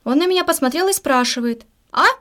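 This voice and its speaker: High-voiced woman reading a story. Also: expressive, fairly quick.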